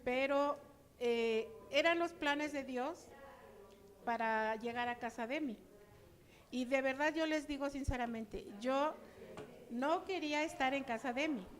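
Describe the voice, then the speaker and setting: A woman's voice: sits high, a little slow. An older woman giving a chatty personal testimony to her church, acting out remembered dialogue.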